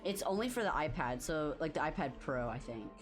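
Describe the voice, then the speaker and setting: A young woman streams while drawing, rambling casually with many fillers and reacting to her chat. Her deep, expressive voice moves a little fast, with faint music playing behind her.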